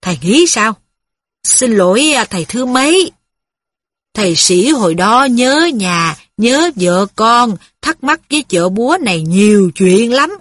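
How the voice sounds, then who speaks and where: A man's voice: high-pitched, sing-song, unhurried, fairly bright tone, no room sound, studio quality, full character voice. A woman voicing a folksy middle-aged workman. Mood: reminiscing. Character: kindly aging male worker, plain-spoken.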